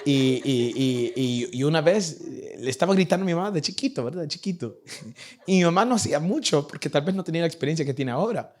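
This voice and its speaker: A young man preaching a sermon to his church, animated and acting out the people in his stories. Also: a little high, fast. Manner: animated, acts out nagging parents in a raised voice. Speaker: pastor. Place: church in Vancouver.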